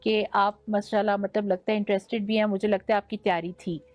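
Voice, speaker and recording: A woman's voice: medium pitch, flat delivery, a little fast, dry recording, dull audio. A young woman with a Pakistani Urdu accent, judging a naat competition and giving teacherly feedback that mixes in English words. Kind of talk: judge's critique.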